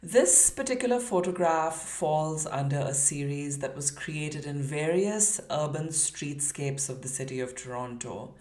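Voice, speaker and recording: A woman from Pakistan, an artist and educator, explaining her work in a measured, prepared way. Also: low voice, expressive, darkish tone. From Karachi, Pakistan. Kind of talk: prepared statement. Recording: roomy echo.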